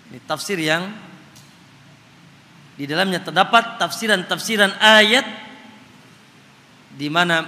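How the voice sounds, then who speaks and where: A man's voice: a little high, pushed and bright. A man giving a Quran study lecture, speaking to his audience as Pak and chanting recitation examples. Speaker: religious teacher. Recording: hall reverb, faint noise.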